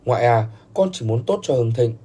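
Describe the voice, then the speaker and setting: Male narrator doing a tearful, pleading young grandson with a dark voice. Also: mid-range voice, animated, brisk, slightly rough. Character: remorseful young man, the grandson.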